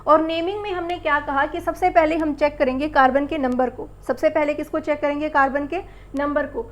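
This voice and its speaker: A woman with a high voice teaches a school chemistry lesson. She quizzes the class with questions, answers them herself and drills the terms by repeating them. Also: steady tone, a little fast. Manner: calls the pupils beta and bachche.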